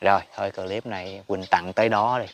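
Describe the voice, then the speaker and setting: A man's voice: sits low, steady tone, a little fast. A man giving a casual Buddhist teaching talk, chatty and emphatic, chuckling often. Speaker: spiritual teacher.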